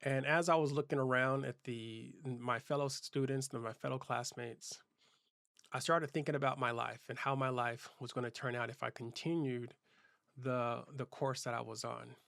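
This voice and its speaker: Male channel host, personal monologue, earnest and reflective, dry close sound, average pitch. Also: steady tone, normal speed, creaky, fairly bright tone, dry recording. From Southern California. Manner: earnest, reflective, with frequent restarts. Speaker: keynote speaker and channel host.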